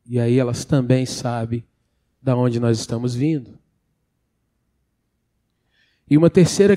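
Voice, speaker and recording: A man's voice: fairly high pitch, warm tone. A man preaching a sermon to his church congregation in a Minas Gerais Brazilian Portuguese accent, earnest and addressing them directly as brothers and sisters. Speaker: pastor. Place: church sanctuary.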